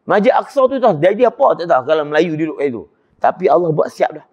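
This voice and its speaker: A man's voice: fast, dull audio. A man with a Kedah Malay accent giving a religious lecture in a mosque, repeating phrases and asking rhetorical questions. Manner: repetitive, rhetorical questions, animated swings in pitch. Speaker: religious teacher.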